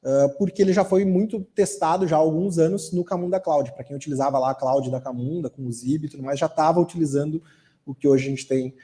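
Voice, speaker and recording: Mellow-voiced man explaining tech. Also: fairly high pitch, quick pace. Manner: explanatory, relaxed, frequent "né?" tags. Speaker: software architect speaker. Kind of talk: conference Q&A answer.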